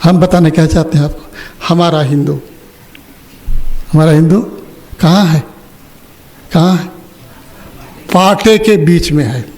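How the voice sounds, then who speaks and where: Unhurried and pausing often, an older spiritual teacher with a somewhat high, slightly mellow voice offers a religious discourse. Set in the hall of an ashram opening ceremony, his talk is storytelling mixed with questions to the audience.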